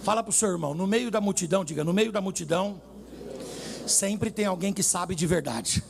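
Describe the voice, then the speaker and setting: A man preaching loudly in a church, telling stories with humor and dramatic swings. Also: high voice, brisk, gravelly, background noise. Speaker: pastor. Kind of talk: sermon.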